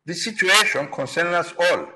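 Male parliamentarian, Cypriot accent, slightly high and very bright voice, reading a formal address. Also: lively intonation, moderate pace, husky. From Cyprus. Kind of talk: formal prepared speech.

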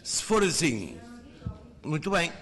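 Hesitant Portuguese member of parliament. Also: male voice, on the high side, very animated, takes it slowly, a bit bright. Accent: European Portuguese. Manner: hesitant, with fillers and restarts, argumentative. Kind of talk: committee debate. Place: parliamentary committee room.

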